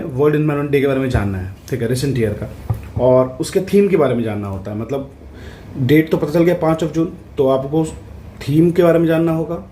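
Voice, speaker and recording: Man tutoring in a mellow voice. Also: a little high, a little hiss or hum. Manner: conversational, repeats "ठीक है" to check in, reads English questions out slowly. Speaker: exam prep tutor. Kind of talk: casual explanatory lesson.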